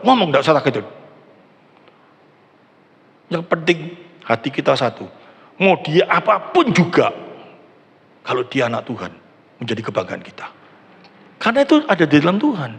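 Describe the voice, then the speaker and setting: A middle-aged man with an East Javanese Indonesian accent preaches in a loose, conversational way, acting out voices and throwing questions at the congregation. His voice sits high for a man and swings widely in pitch, with a gravelly edge. It rings with the long reverb of a large church hall. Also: sing-song, moderate pace, pauses often, fairly bright tone. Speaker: pastor. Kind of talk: sermon.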